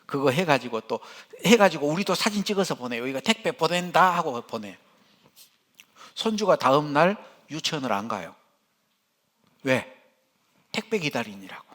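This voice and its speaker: An older man, a pastor, preaching a sermon in church with animated, folksy storytelling. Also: on the high side.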